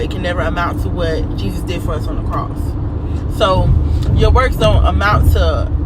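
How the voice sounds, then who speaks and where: A woman's voice: mid-range voice, very noisy. An American woman vlogger speaking with braces, giving earnest, emphatic, casual faith encouragement and repeating phrases for emphasis. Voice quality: speech slightly impeded by dental braces.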